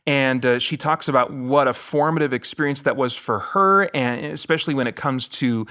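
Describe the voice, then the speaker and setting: A man's voice: medium pitch, moderate pace, bright, forceful tone. An American man around forty hosting a casual podcast, chatting and interviewing in a rambling, self-deprecating, jokey way. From United States. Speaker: podcast host.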